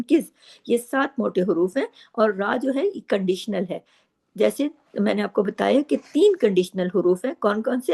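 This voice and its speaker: Woman, recitation teacher, mid-pitched, patient and explanatory, slow drawn-out recitation of words. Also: vocal fry, a little mellow. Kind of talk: tajweed lesson, explaining and reciting.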